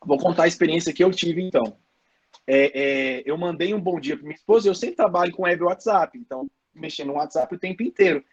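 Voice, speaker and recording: A man's voice: a little high, a little fast, slightly rough, highs cut off. A man giving a casual online lecture to his students, repeating points for emphasis, with many restarts. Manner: frequent restarts and filler "é". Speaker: professor.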